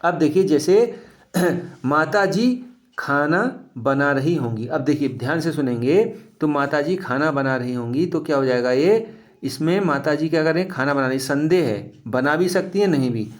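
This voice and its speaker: A man's voice: fairly high pitch, moderate pace, darkish tone. A man teaching a grammar lesson, explaining step by step and often asking his students questions back.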